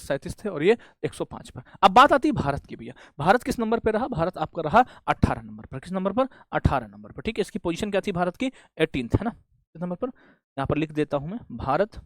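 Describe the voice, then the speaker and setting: A male exam-prep teacher giving a classroom-style lecture, firing quick questions at students and answering them himself, with frequent friendly fillers. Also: high-pitched, no room sound. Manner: asks quick questions and answers them himself, says "bhaiya" and "theek hai" often.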